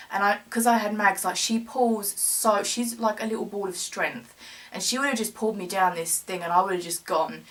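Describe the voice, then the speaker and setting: A young woman tells a story straight to camera in a loose, rambling way. She fills her sentences with "like" and laughs her way through the telling, at a middling pitch. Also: fairly bright tone. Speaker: vlogger. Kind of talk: casual storytelling.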